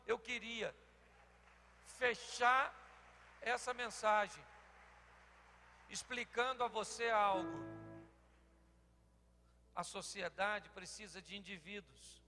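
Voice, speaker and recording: A Brazilian man in his sixties, a pastor delivering a humorous sermon, telling animated stories and acting out dialogues. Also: high voice, slow pace, pauses often, a little hiss or hum. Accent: Brazilian Portuguese. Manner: animated storytelling, acts out dialogues, bursts into shouting. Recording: long hall reverb.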